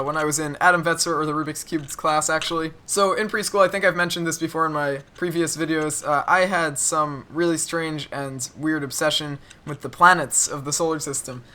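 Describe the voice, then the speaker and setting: A man's voice: a little high, bright, forceful tone. A young man casually telling a funny childhood story to camera in a chatty, self-deprecating way. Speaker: cubing YouTuber.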